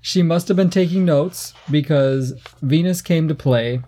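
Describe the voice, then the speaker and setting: Thirtyish guy cohosting a podcast, warm low tone, cheeky storytelling. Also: a little slow. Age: 30s. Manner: animated storytelling, playful and irreverent. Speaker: podcast co-host. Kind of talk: casual chat.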